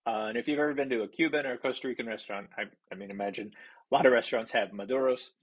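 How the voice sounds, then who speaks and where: A man, hosting a casual foodie snack review in a halting way, thinking aloud as he describes flavours. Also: mid-range voice, fairly even intonation, low-quality recording. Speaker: food review host. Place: small indoor home office.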